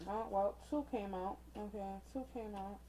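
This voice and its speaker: A woman's voice: mid-range voice, fairly even intonation, moderate pace, background noise. A woman doing a casual oracle card reading, chatty and encouraging, speaking straight to her viewers with slang and frequent "okay?" check-ins. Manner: chatty and encouraging, uses slang and mild cussing substitutes. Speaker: tarot reader. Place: indoors with a ring light.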